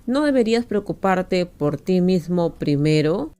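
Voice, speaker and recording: A man's voice: high voice, expressive, a little slow, dark tone, clear, resonant tone. A woman voicing Daniel, a mocking man who provokes with a laugh in his throat. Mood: taunting. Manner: taunting, chuckling.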